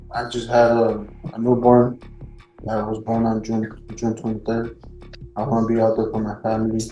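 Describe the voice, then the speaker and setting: Fields: Sex: man. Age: 20s. Role: defendant. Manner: quiet, halting, hesitant. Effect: courtroom recording. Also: medium pitch, reverberant, poor audio. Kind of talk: courtroom testimony.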